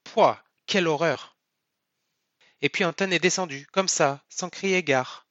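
A man's voice: fairly high pitch, unhurried, fairly bright tone, no room sound, muffled recording. A man voicing an old, burly sea captain who curses and bellows in fury, from an audiobook reading. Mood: outraged. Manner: bellowing, cursing.

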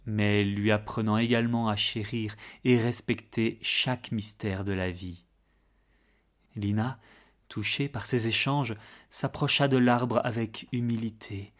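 A man reading a fairy tale aloud in a slow, unhurried, gentle manner. His mid-pitched voice stays calm and measured, and at moments it drops to a near-whisper. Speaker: storyteller. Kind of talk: scripted fairy-tale narration.

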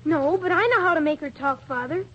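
A woman's voice: sits high, fairly quick, fairly bright tone. A woman playing an eager, respectful young boy in a 1940s radio adventure play. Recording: dull, noisy 1940s radio recording.

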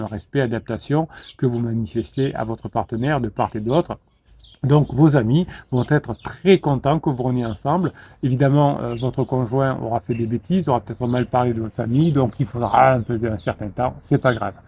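A man's voice: medium pitch, warm tone, breathy edge. A man coaching in a motivational monologue, emphatic and repetitive, with frequent stammered restarts. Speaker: relationship coach.

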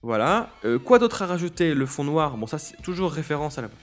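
A man's voice: a little high, sing-song, brisk, soft background music. Hesitant French-speaking man hosting a podcast. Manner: hesitant, many fillers and restarts. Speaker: podcast host. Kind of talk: casual solo podcast talk.

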